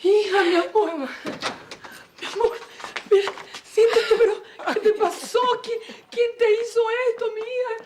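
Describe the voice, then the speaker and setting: A woman's voice: very high voice, fairly even intonation, measured pace, a little mellow, slight background noise. A woman voicing an anxious, loving mother who frets tearfully over her hurt daughter in a fan telenovela dub. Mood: frantic. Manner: frantic, tearful.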